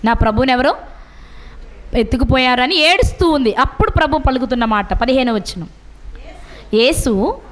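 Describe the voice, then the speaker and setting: Middle-aged woman preacher, high voice, keeps firing questions at the congregation. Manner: asks the listeners many rhetorical questions. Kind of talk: sermon.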